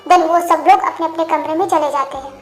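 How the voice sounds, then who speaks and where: Very high-voiced woman narrating a fan story. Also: fairly even intonation, brisk, faint music behind. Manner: emotional, pleading delivery. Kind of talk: dubbed fan story reading, all roles.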